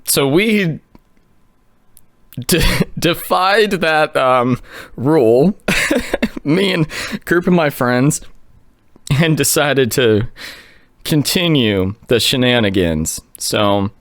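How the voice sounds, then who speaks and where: Laid-back man telling a story slowly. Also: medium pitch, animated, fairly bright tone, dry recording, clean studio sound. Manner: laid-back, full of likes and you-knows. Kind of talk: casual storytelling chat.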